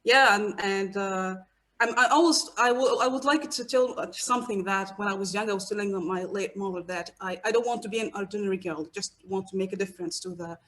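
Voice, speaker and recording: Woman, from Egypt, interview guest, hesitant, fillers, medium pitch. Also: brisk, fairly bright tone. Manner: hesitant, many fillers and restarts. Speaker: guest researcher. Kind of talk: casual interview talk.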